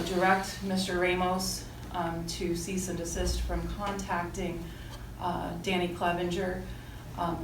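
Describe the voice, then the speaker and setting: A woman prosecutor arguing formally with frequent hesitations, heard on a courtroom recording. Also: fairly low pitch. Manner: formal, halting, lots of um and uh. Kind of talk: courtroom argument. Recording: echoey courtroom, distant mic, room noise.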